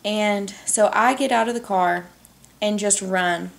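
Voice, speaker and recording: Young woman, vlogger, casual storytelling, animated, chatty, home camcorder recording. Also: medium pitch, unhurried, vocal fry. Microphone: camcorder on tripod.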